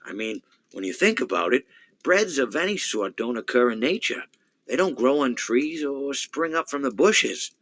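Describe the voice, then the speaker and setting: A man's voice: medium pitch, sing-song, moderate pace, a bit bright, no echo. An actor playing a rambling, long-winded male hippo animatronic in a video game, stammering, repeating his words and drifting off into digressions. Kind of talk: video game character monologue.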